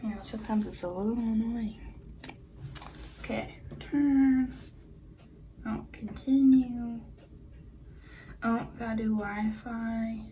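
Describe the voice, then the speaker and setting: A woman vlogging as she unboxes and sets up a new laptop, excitable and gasping, often dropping into whispered asides, recorded indoors by a camera on a tripod. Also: a little high, takes it slowly, pauses often, lo-fi sound, slight background noise. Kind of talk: unboxing vlog narration.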